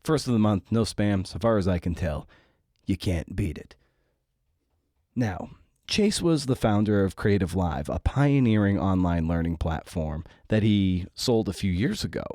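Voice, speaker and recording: Hosting and interviewing on a podcast, a middle-aged man opens and converses in a wry, self-deprecating way. His fairly low voice has a warm tone, recorded at studio quality without echo.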